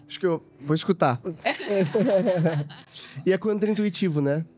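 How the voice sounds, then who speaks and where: A man's voice: high-pitched, slow, crowd noise. A man hosting an interview, reacting with enthusiasm to his guest. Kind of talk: podcast interview.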